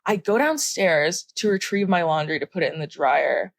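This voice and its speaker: A woman's voice: sits low, expressive, moderate pace, dry recording. A young woman co-hosting a podcast, ranting in a heated, profane, casual way about things she hates. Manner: ranting, heated and profane, laughing at her own story. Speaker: podcast co-host. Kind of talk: casual chat.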